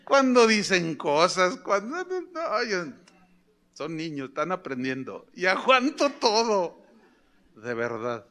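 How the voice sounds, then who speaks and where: A man's voice: a little high, sing-song, measured pace, pushed and bright. A middle-aged man preaching a sermon, telling a personal story, acting out the dialogue and asking the congregation questions. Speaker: pastor.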